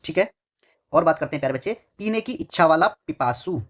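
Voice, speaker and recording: A man's voice: fairly high pitch, lively intonation, fast talker. A male exam tutor giving a lesson. He asks questions and answers them himself, repeats phrases several times, and keeps addressing his students affectionately. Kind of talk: online exam-prep lesson. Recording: dull lo-fi recording.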